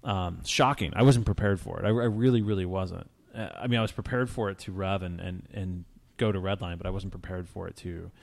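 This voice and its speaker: A man hosting a casual car talk show, telling stories in a relaxed, rambling way with many restarts. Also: low voice, a little fast, vocal fry. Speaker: podcast host.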